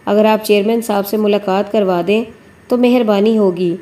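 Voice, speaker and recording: A woman's voice: mid-range voice, fairly even intonation, warm tone, lightly acted. A woman voicing a young male investigative reporter who speaks politely and earnestly.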